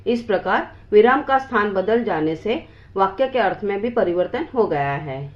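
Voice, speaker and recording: Measured woman teaching a grammar lesson. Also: medium pitch, lively intonation, muffled recording.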